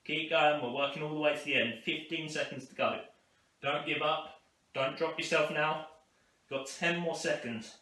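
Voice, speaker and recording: A man's voice: fairly high pitch, normal speed, bright, forceful tone. A man coaching a workout to camera as an instructor, encouraging people and talking them through it. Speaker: fitness instructor. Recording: roomy, distant mic, faint noise.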